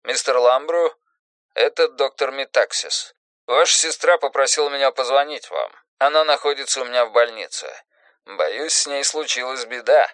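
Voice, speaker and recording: A man's voice: mid-range voice, normal speed, a bit bright, no room sound, natural voice. A man voicing a formal, somber doctor phoning with bad news in an audiobook. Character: hospital doctor, polite and somber. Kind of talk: audiobook character voice.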